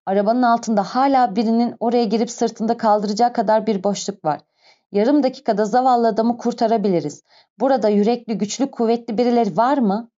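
A woman voicing an urgent, commanding gentleman. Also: fairly high pitch, fairly quick, lightly acted. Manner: urgent, pressing. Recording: dull lo-fi recording.

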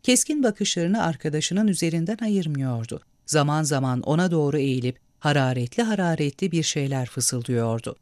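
A man narrating a story aloud with an expressive, measured reading. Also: on the high side, no room sound, studio quality.

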